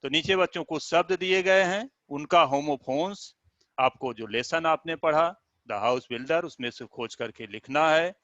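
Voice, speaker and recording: A man's voice: fairly high pitch, a little slow, fairly bright tone, no room sound. A male teacher giving a video lesson to children, who says each word several times and spells it out letter by letter. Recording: dull lo-fi sound.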